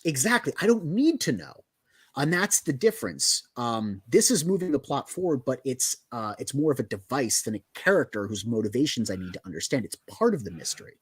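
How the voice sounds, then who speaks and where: A man's voice: medium pitch, very animated, brisk, slightly rough, dry recording. A man in casual chat, animatedly retelling a comic book's plot on a video call. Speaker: co-host of a comic book show.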